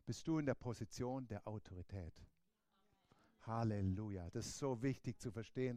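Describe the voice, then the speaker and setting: A man's voice: mid-range voice, darkish tone, no room sound. A man preaching a sermon emphatically, with rhetorical questions and frequent amens.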